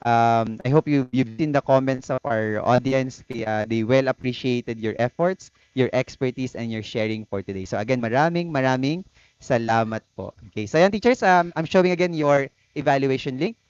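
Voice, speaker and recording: A man's voice: mid-range voice, normal speed, darkish tone, smooth, dry recording, lo-fi sound. Filipino man hosting, mixing Tagalog and English. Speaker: webinar host. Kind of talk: casual webinar hosting.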